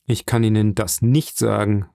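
A man voicing a measured, businesslike male prison inspector in an audiobook reading. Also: on the low side, flat delivery, gravelly, mellow, no echo, clean studio sound. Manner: matter-of-fact, businesslike.

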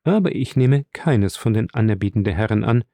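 In a dry, gravelly low voice, a narrator gives a wealthy, worldly count who speaks with calm reserve. The delivery stays measured and aloof, audiobook style, with a dark, mellow tone. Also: male voice, no echo. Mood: composed. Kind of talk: audiobook reading.

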